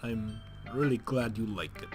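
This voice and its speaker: A man's voice: lowish voice, normal speed, over music, voice pushed down, lightly acted. A man reading as a shy polite bookish girl. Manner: soft and apologetic. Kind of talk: let's play character reading.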